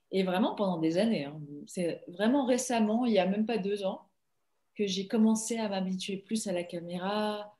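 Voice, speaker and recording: A woman's voice: medium pitch, warm tone, echoey room. A young woman from Belgium, an actress, chatting casually and laughing often in an interview over a video call.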